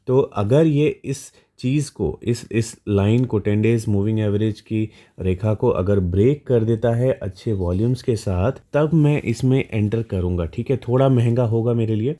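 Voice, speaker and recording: A man's voice: mid-range voice, dark tone. A man with an Indian accent walking through a stock chart in a casual, explanatory way, often checking in with his listeners. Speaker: stock market educator.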